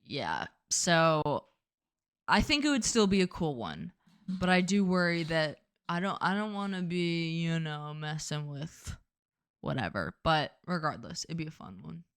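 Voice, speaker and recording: A woman's voice: low voice, sing-song, measured pace, clean tone. A young woman co-hosting a podcast in casual chat, talking chattily and self-deprecatingly with lots of "like.". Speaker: podcast co-host.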